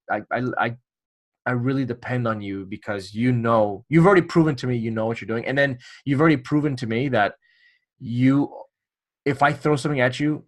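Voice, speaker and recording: A man hosting a casual interview podcast, friendly and joking, often restarting his sentences. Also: medium pitch. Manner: friendly, joking, many restarts and repeated words. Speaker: podcast host.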